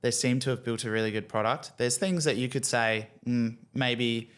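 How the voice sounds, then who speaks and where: A man's voice: medium pitch, fairly quick, a bit bright, clean tone. A man hosting a podcast, talking conversationally with frequent restarts. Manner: conversational, lots of "you know" and restarts. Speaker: podcast host. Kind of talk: casual chat.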